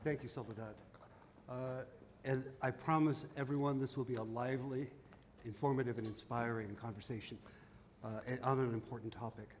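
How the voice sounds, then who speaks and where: A man in his fifties moderating a panel on a conference stage, speaking in a measured way with frequent fillers and restarts, on a headset mic. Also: medium pitch, fairly even intonation, a little hiss or hum. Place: large conference hall stage. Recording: long hall reverb.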